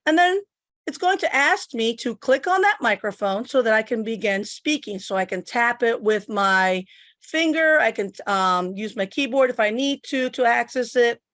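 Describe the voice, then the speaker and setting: A middle-aged Puerto Rican woman demonstrates a tech task step by step at her computer, explaining every click as she makes it. Her voice is on the high side and fairly bright, animated and moderately paced. It's recorded dry through a computer microphone.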